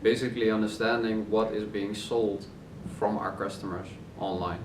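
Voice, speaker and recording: A man, a company co-founder, explaining his business in a relaxed interview with many fillers. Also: lowish voice, normal speed. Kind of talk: casual interview answers. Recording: roomy office, distant mic, noisy hum.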